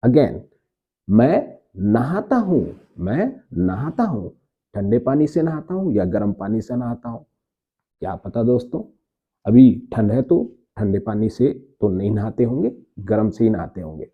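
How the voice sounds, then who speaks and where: A man's voice: on the low side, sing-song, unhurried, slightly rough. A man teaching a spoken grammar lesson to viewers, repeating words and spelling them out letter by letter, calling his viewers friends. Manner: addresses viewers warmly as friends. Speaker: English teacher. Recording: tinny phone-like audio.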